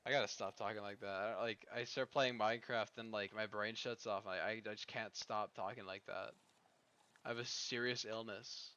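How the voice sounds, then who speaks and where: A man live-streaming a game, talking to his chat in a rambling, profane, excitable way. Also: lowish voice, normal speed, clean tone, muffled recording.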